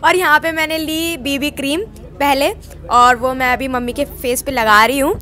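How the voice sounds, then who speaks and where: A woman's voice: sits high, fairly even intonation, moderate pace, sharp tone. A young woman vlogger narrating her video in a chatty, casual way, mixing in English words. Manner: chatty, mixes Hindi with English words, many fillers.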